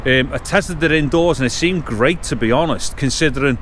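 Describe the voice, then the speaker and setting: A man's voice: on the high side, brisk, a bit bright. A man chatting casually and thinking aloud as he tests microphones outdoors, with wind on the mic. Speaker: vlogger testing microphones. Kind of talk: casual unscripted gear-test chat. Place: outdoors between blocks of flats. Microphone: action camera internal and external mics.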